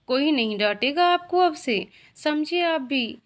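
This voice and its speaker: A woman voicing a kind young wife who speaks gently and reassuringly. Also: high-pitched, lively intonation, a little slow. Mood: gentle.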